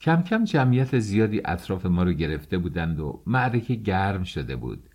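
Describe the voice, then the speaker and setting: A man narrating a story in an animated, acted-out way, as an audiobook reader. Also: low voice, breathy edge. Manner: animated, acting out the scenes.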